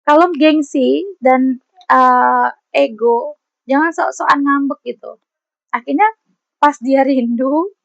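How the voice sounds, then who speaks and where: Tarot reader, woman, high voice, chatty and teasing, dry and slightly dull lo-fi recording. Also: creaky, no echo. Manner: chatty, teasing, laughs often. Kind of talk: casual tarot reading to viewers.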